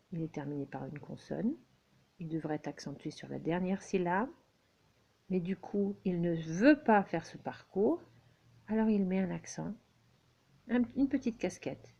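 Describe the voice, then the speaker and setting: Slow, patient woman teacher. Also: fairly low pitch, gravelly, warm tone, slightly rough, muffled recording. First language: French. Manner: slow, patient, checks in with "d'accord?". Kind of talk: explaining at a whiteboard. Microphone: handheld camera.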